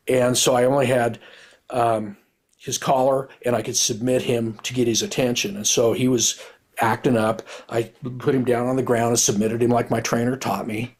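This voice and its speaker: A man's voice: medium pitch, darkish tone. A middle-aged man speaking with candor, a retired cop who rambles and restarts his sentences. His voice sits in an ordinary middle register, and his delivery is earnest and unpolished. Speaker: guest, retired police officer and author. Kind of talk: candid conversational storytelling.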